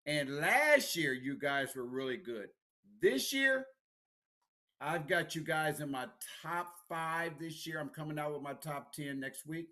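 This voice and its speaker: Excitable male sports show host. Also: fairly high pitch, a little slow. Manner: excitable, repeats words, laughs often. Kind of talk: casual sports talk.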